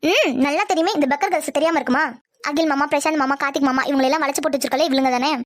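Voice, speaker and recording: A woman doing a shrill spiteful young woman. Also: steady tone, rapid-fire, natural voice. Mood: whiny. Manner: whiny, sarcastic. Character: spoiled scheming young woman, jealous and spiteful. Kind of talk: cartoon dub acting.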